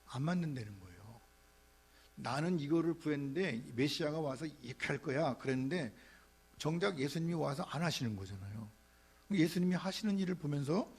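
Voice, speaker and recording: A middle-aged man preaching a sermon as pastor, animated, shouting out quoted rebukes now and then. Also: on the high side, gravelly, husky.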